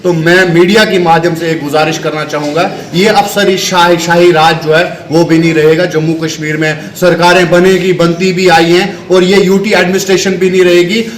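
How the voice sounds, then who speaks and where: A man speaking forcefully to a news camera as a protest leader, making an appeal. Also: high voice, little pitch movement, normal speed, few pauses. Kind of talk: public statement to news camera. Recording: roomy sound with faint background noise.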